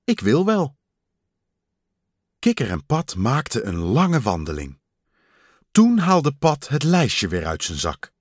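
A man reading a children's story aloud in a slow, expressive storybook manner. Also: mid-range voice, no room sound, clean studio sound.

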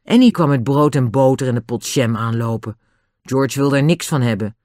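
An audiobook narrator telling a children's adventure story. The delivery is expressive, with a lively, swinging pitch. The recording is dry and close to the mic. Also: moderate pace, dry recording.

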